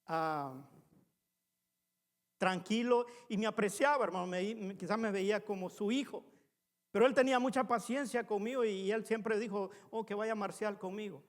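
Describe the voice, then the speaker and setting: High-voiced male pastor in reverberant hall. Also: moderate pace. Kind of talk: sermon. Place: church sanctuary.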